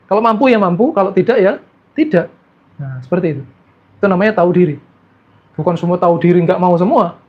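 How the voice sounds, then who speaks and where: A man with a fairly high voice preaches in with a tinge, posing questions to his listeners and answering them himself. He slows right down to sound out Arabic words. The audio is dull and lo-fi. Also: expressive. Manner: rhetorical questions answered himself, slow drawn-out Arabic recitation examples. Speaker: Islamic preacher. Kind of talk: religious lecture.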